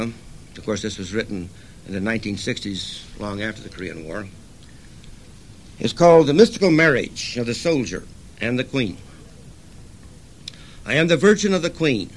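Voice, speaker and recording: An older man, a poet, reading his own verse in a measured, solemn recital, with hesitant asides between pieces. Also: on the low side, expressive, a little hiss or hum. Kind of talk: poetry reading.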